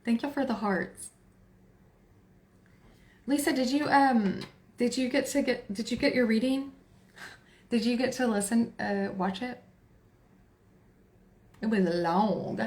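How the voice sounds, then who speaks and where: Speaking slowly with long pauses, a Texan woman runs a casual tarot livestream, laughing and chatting to her audience and to herself. Her voice is a little high and darkish.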